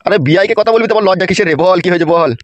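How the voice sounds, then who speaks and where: A woman's voice: lowish voice, racing, dry recording, highs cut off, pitched below the performer's own voice, lightly acted. A woman voicing an impatient, pushy older village man in a comic sketch.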